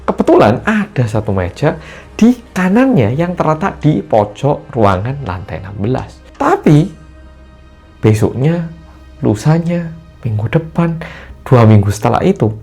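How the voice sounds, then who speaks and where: A man, hosting his channel and telling a spooky story with dramatic pauses and rising stresses. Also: a little high, big pitch swings, gravelly, dark tone, breathy edge, faint music behind. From Korea. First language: Korean. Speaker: channel host.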